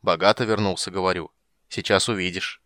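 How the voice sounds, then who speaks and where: A man voicing a hearty middle-aged merchant who calls out in a loud, booming way. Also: steady tone, brisk, no echo, clean studio sound.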